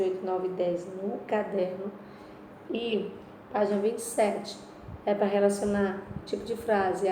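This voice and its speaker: A woman's voice: medium pitch, dark tone. A woman teacher with a Brazilian accent giving a remote Portuguese lesson, explaining step by step and asking and answering her own questions. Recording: echoey room with faint noise.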